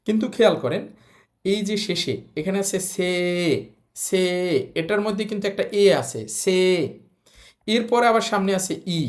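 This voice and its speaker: A language teacher gives a recorded lesson. The teacher explains patiently, repeating points and spelling out syllables one by one. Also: medium pitch.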